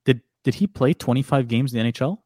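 A man co-hosting a sports podcast in casual chat, sometimes reading text aloud in a flat, measured way. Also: medium pitch, no room sound, clean studio sound. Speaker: podcast co-host.

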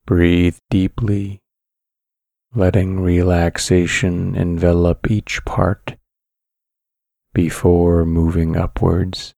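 A man narrating a guided sleep story in a calm, soothing, measured way, with long pauses between phrases. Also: sits low, gravelly, dry recording, studio quality.

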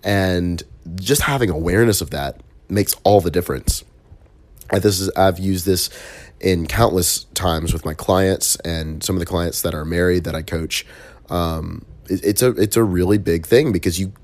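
A man's voice: low-pitched, darkish tone, no room sound. A man with a nasal, congested voice from a stuffy nose, giving a casual, earnest motivational monologue as a host and coach.

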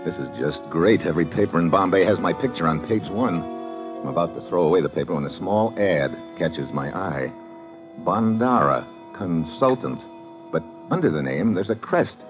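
A man with an American accent, the lead actor and narrator of an old radio crime drama, plays a tough, wry agent, delivering terse, slangy, hard-boiled lines in tense narration. His low voice is sing-song at normal speed. The band-limited recording has its highs cut off, with dramatic music.

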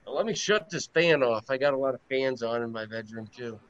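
A guest grower from Michigan talks slowly in a casual interview over a call, halting often and filling gaps with lots of fillers. His mid-range voice comes through dull, dry lo-fi audio, and the choppy internet connection keeps breaking up.

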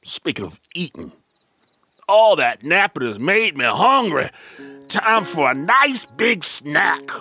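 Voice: medium pitch, big pitch swings, slow pace, pushed and bright, slightly rough, no echo, faint music behind, full character voice. An actor playing a lazy, sleepy, scheming male bear in a children's story, with a drowsy, drawling and smug way of talking.

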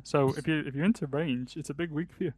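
A man's voice: on the high side, fast, slightly rough, no room sound. A young British man with a close, dry sound talks through album opinions in casual podcast style. He hesitates and corrects himself often, and his th sounds come out as f. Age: early 20s. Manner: th-fronting, says th as f. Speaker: podcast co-host. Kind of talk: casual album review chat.

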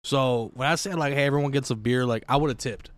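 A man co-hosting a podcast, telling a rambling, profanity-filled story in casual chat, saying bro and dude constantly and bursting into loud reactions. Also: medium pitch, a little fast. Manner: animated, jumps into loud acted-out reactions. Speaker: podcast co-host.

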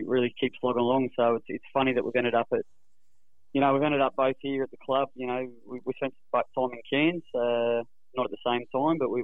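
A man's voice: medium pitch, dry recording, phone-quality sound. An Australian man giving a casual radio interview over the phone, matey and rambling in his phrasing. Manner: rambling, matey, repeats "you know". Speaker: rugby league club guest.

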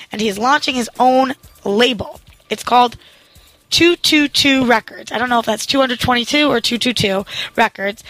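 Bright young woman reading celebrity news. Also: medium pitch, dry recording, rough recording. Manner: reads news items aloud with quips, self-deprecating. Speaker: entertainment news host. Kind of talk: casual celebrity news chat.

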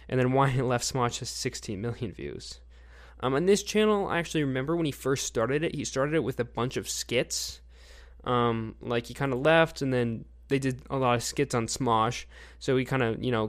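Young male podcast host, mid-pitched voice, casual commentary, rambling, thoughtful pauses. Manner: rambling, with frequent pauses to think.

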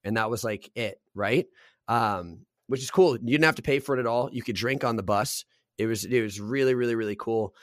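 A man's voice: mid-range voice, brisk, no room sound, clean studio sound. A man hosting a podcast, telling bar stories in casual chat and swearing freely. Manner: swears freely, excitable storytelling. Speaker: podcast host.

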